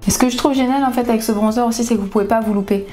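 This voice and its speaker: A woman's voice: a little high, steady tone, very fast, dark tone, faint music behind. A woman beauty vlogger with a groggy morning voice, chatting casually through a makeup tutorial. She is candid and often trails off and restarts her sentences.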